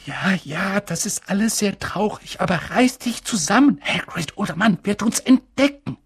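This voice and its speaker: A man voicing a stern, anxious older witch professor in an audiobook, in a hushed, sharp manner. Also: animated, normal speed, slightly rough, dry recording, clean studio sound, exaggerated voice. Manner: hushed, sharp, raised pitch. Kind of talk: audiobook character voice.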